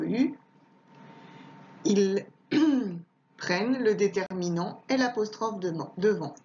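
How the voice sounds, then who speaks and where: A woman teacher giving a home lesson to a young child, patient and slow, repeating words and spelling out letters one by one. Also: fairly low pitch, darkish tone, slight background noise. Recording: dull lo-fi home recording.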